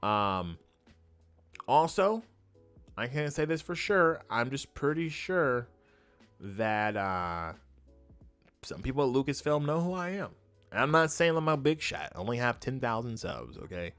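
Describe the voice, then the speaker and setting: Hosting a casual livestream with faint music in the background, this YouTube streamer makes his points with lots of pitch movement and a very animated delivery. He's emphatic and opinionated, often saying a phrase twice for effect, at a measured pace with frequent pauses and a fairly bright tone.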